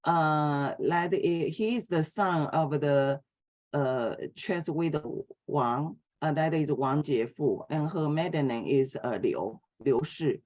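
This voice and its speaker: This is a middle-aged woman from Taiwan lecturing on academic philosophy. She hesitates a lot, filling gaps with pauses and filler sounds, and her low voice is a little mellow.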